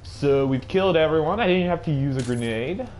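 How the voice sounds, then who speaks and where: A man's voice: fairly high pitch, lively intonation, brisk, a little mellow, a little hiss or hum. A man giving playful, wisecracking commentary while playing a video game. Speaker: let's play host. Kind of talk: joking gameplay commentary.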